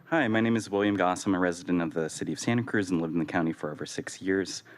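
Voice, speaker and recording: A man's voice: sits low, fast, a little hiss or hum. A man giving a prepared public comment at a city council, listing his credentials.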